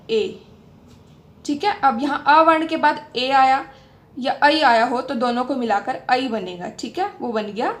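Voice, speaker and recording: Young woman tutor, high voice, unhurried delivery, patient and repetitive, quizzing the listener as she goes. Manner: patient, repeats sounds slowly and asks questions back. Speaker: teacher. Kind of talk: explaining grammar step by step.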